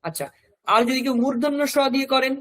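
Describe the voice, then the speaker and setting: A man's voice: very high voice, animated, fast, bright, forceful tone, poor audio. A man with a West Bengal Bengali accent teaching a Sanskrit class. He spells each word out letter by letter and repeats it several times. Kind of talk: classroom language lesson.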